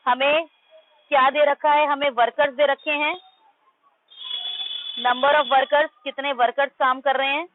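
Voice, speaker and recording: A woman's voice: high voice, little pitch movement, measured pace, long pauses. A woman teacher giving a math class in Hindi-English mix, firmly correcting her pupils' pronunciation and quizzing them. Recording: tinny phone-like line.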